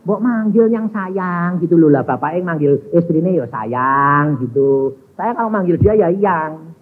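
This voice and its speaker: A man's voice: fairly high pitch, measured pace, a little hiss or hum. A male evangelist preaching a sermon, telling a family story and acting out the voices in it. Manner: animated, acts out family dialogue with Javanese phrases. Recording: phone-like lo-fi sound.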